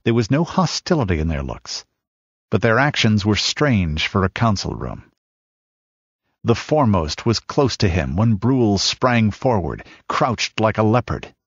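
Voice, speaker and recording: A man reading a dark fantasy tale as audiobook narrator, measured and dramatic, rising as the battle scenes build. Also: on the low side, big pitch swings, slightly rough, no echo. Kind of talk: scripted narration. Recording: dull lo-fi audiobook recording.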